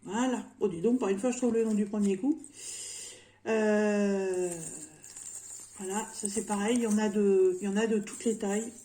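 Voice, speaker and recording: A woman's voice: mid-range voice, steady tone, moderate pace, mellow, echoey room. A woman in her fifties chatting casually through a shopping haul at home, rambling and joking with lots of fillers and repeated words. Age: 50s. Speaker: vlogger showing a shopping haul.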